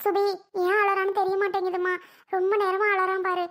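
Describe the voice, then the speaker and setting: A woman's voice: very high voice, monotone, brisk, fairly bright tone. A woman voicing a tired young mother in a cartoon, fretful and soothing toward her crying baby. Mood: weary. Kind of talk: cartoon voice acting.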